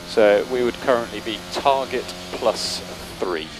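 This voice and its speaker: A man's voice: mid-range voice, measured pace. A male race engineer giving terse, matter-of-fact updates over race car radio. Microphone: radio headset. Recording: noisy team radio, car noise.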